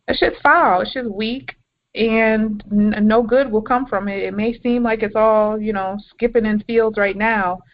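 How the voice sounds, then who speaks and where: A woman's voice: on the high side, fairly even intonation, a little slow, lo-fi sound, slight background noise. A woman co-hosting a podcast, chatting casually and ranting bluntly with lots of swearing and emphatic stresses. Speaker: podcast co-host. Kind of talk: casual chat.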